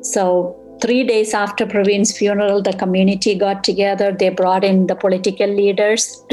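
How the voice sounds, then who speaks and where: A bereaved mother in an interview, recounting events in a steady, matter-of-fact way. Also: medium pitch, moderate pace, faint music behind. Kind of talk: personal recollection interview.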